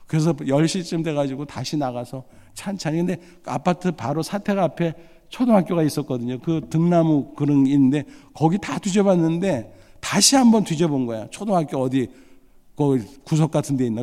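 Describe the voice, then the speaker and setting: A middle-aged man preaching a sermon, telling a family story with lively, acted-out lines. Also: fairly high pitch, fairly quick. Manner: animated storytelling, acting out his own lines. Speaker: pastor. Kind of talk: sermon with personal anecdote. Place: church sanctuary. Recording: reverberant hall.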